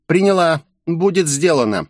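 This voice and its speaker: A man's voice: on the high side, expressive, normal speed, no echo, studio quality, voice pushed up, lightly acted. A man voicing a young female henchwoman who reports back guiltily in an audiobook. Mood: apologetic. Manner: guilty and eager to please.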